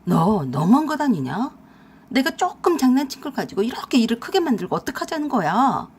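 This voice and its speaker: A woman voicing a young husband who blusters and defends himself loudly in a radio drama. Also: on the high side, very animated, brisk, breathy edge, heavily acted. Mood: loud, alarmed. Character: angry young husband caught out, blustering man.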